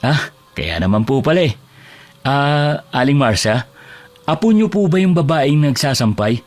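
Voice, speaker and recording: An actor playing a tired fish-vendor husband, respectful with customers and exasperated at home. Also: male voice, medium pitch, sing-song, a little slow. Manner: respectful with elders, exasperated with wife.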